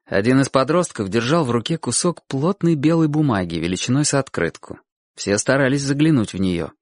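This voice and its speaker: A man reading a literary story aloud as an audiobook narrator, expressive and storytelling in manner. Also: mid-range voice, brisk, no echo, clean studio sound. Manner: expressive storytelling, acts out quoted shouts.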